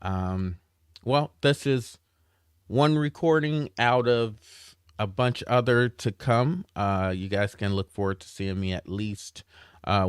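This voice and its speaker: A man giving a casual update to his followers on his cybersecurity training work, halting often with fillers and restarts. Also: lowish voice, smooth, dry recording, studio quality.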